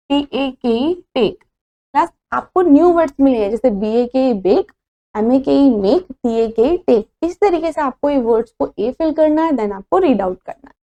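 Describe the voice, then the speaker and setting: A woman's voice: high-pitched, warm tone, highs cut off. A woman teacher with an Indian accent, giving a phonics lesson in Hindi and English, spelling each word letter by letter before reading it.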